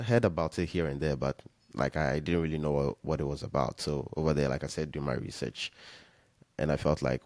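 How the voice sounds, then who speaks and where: A young man from Ghana talks as a podcast guest, his voice extremely low and deep. He rambles easily, circling back with fillers and restarts. The sound is dry and close, with no room around it. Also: dry recording. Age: young adult. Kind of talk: casual interview chat.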